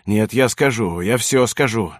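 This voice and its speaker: A man's voice: on the low side, a little slow, no room sound, studio quality. A man voicing a desperate, vengeful young lieutenant, talking in a strained, raging way, in an audiobook. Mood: furious.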